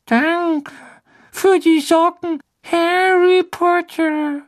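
A man voicing an anxious, meek little house elf in a squeaky, downcast voice for an audiobook. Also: fairly even intonation, drawn-out words, heavily acted.

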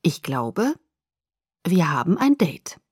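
A woman voicing a playful, easygoing teenage boy who talks low and softly. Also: expressive, normal speed, no room sound, clean studio sound. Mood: quiet. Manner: low, soft-spoken.

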